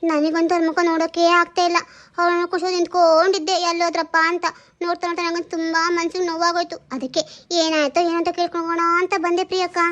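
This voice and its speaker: A nosy, gossiping neighbour, as a woman puts her on, in a home drama. Her voice is very high, and she pries with quick, mock-sympathetic questions. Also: level tone, a bit bright, muffled recording. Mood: prying.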